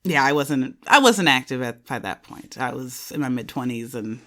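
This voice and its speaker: A woman's voice: rumbling low, animated, moderate pace, a bit bright. A woman in her thirties, a podcast host sitting in as the guest, chatting casually and rambling, correcting herself and laughing often.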